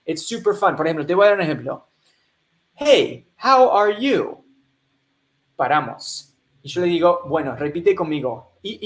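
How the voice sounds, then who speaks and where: Upbeat teacher, higher voice. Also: male voice. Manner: upbeat, switches between Spanish and English, reads viewer chat. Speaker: English teacher. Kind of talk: live online language class.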